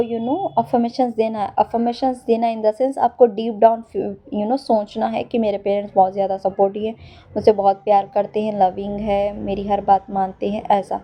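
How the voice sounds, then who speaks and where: A woman's voice: on the high side, warm tone. A young woman vlogger giving casual, encouraging advice on manifesting exam success, slipping English phrases into her talk.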